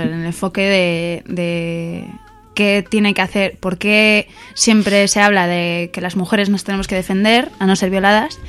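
A woman in a casual discussion, telling an anecdote in an animated way. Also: mid-range voice, smooth. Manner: animated storytelling, acts out quoted voices. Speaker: radio show participant.

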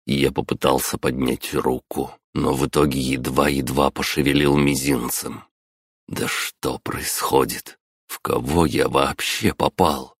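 A man narrates a fantasy audiobook in the first person, his voice extremely deep and thick with gravelly fry. He reads slowly, grave and measured, with a husky edge. The recording is close and dry. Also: no room sound.

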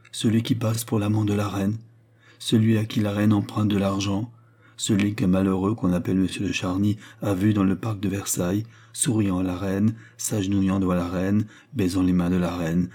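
A man's voice: fairly low pitch, level tone, moderate pace, dark tone, close to an everyday voice. A man reading the part of a desperate, jealous young nobleman in an audiobook, speaking urgently. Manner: urgent, pleading.

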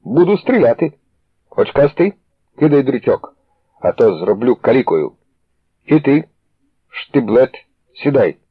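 Menacing young thug, hissing and cruel, husky edge, tinny dry phone-like sound, read by a man. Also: lowish voice, sing-song, takes it slowly, pauses often, no echo, heavily acted. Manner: threatening, hissing, raised shouts.

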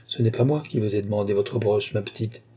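A man's voice: on the low side, fairly quick, dark tone, breathy edge. A man reading a cold, greedy woman doctor. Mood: coldly wheedling. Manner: coolly condescending, calls her "ma petite". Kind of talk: audiobook character reading.

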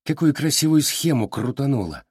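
A man's voice: mid-range voice, animated, brisk, darkish tone, breathy edge, no room sound, clean studio sound, pitched above the performer's own voice. A man voicing a brash, sarcastic young male artist who speaks bluntly. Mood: scornful.

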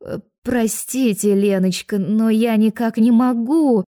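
A woman's voice: mid-range voice, fairly even intonation, normal speed, warm tone, close to an everyday voice. A woman voicing a flustered, kindly grandmother who talks in a fussy, apologetic way. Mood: distressed.

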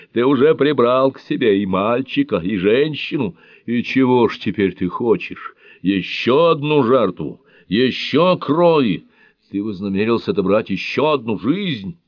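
A frenzied priest bellows at the heavens in a high, strained, thundering voice and drags out every word, as a man reads him in an audiobook thriller. The recording is dry and a bit dull. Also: sing-song, no room sound, exaggerated voice. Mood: raging. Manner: shouting, thundering, drawn-out words. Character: frenzied half-naked male priest raging at God.

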